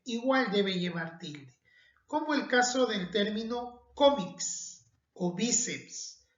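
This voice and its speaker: A woman teaching a recorded spelling lesson, speaking slowly and carefully and stressing each example word. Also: mid-range voice. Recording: dull echoey room.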